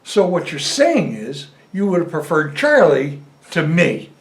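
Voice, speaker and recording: A man's voice: fairly high pitch, sing-song, unhurried. An older man playing a defensive banker husband who insists that he is funny. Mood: hurt. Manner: indignant, defensive. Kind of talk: film drama acting. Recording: roomy echo.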